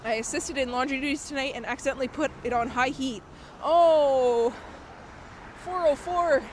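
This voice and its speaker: A high-pitched woman streams live outdoors at night on city streets, talking at a moderate pace with slight background noise. Chatty and quick to laugh, she reads comments from viewers, her voice a touch nasal as she recovers from a cold.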